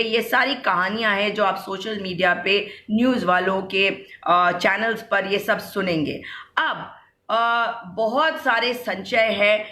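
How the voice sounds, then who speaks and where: A woman giving solo political commentary in an earnest, questioning way, pausing often as she thinks aloud. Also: mid-range voice, sharp tone, roomy sound. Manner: earnest, questioning, frequent hesitations.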